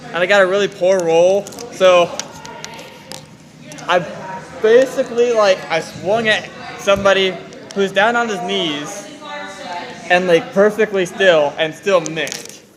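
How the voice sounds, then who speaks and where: High-voiced man rambling over a crowd. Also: measured pace, pauses often. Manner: rambling, laughing, stumbling over words. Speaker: player. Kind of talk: casual tabletop game chat. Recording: noisy group in the room.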